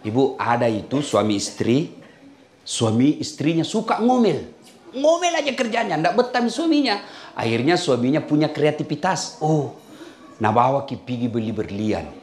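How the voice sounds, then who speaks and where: A male Islamic preacher with a Makassar Indonesian accent, giving a humorous sermon in an animated, jokey way and often laughing as he talks. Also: medium pitch, moderate pace, roomy sound.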